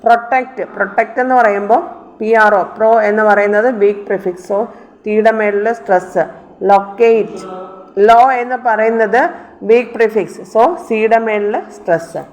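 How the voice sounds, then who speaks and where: A woman's voice: medium pitch, fairly even intonation, moderate pace, poor audio. A woman teacher explaining word stress to students, repeating words and spelling them out letter by letter. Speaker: English teacher.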